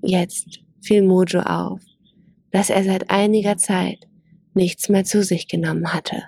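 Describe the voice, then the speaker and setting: A woman reading a story aloud and then reflecting gently as host, soft-spoken and unhurried, in a yoga studio. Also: medium pitch, steady tone, vocal fry, no echo.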